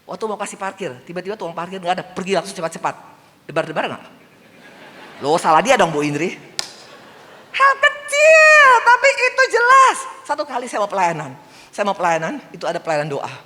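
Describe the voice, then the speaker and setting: A woman's voice: lowish voice, fast. A woman evangelist giving a sermon in a large church, telling stories and putting questions to the congregation. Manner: lively storytelling, asks the congregation questions. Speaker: evangelist preacher. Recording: long church-hall reverb.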